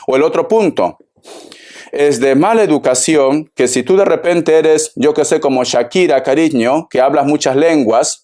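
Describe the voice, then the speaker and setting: A man's voice: a little high, dark tone. A man reads tarot cards in a loose, chatty monologue. He is theatrical and familiar, throwing in pet names like darling and bison at nearly every turn. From Peru. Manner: chatty, keeps calling the listener darling and bison; theatrical, acts out imagined clients. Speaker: tarot reader. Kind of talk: casual tarot reading monologue.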